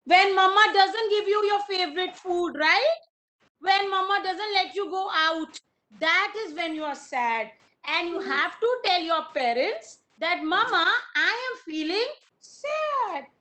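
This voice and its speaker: A young woman teaching an online preschool class, slow, sing-song and very expressive, praising the children. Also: very high voice.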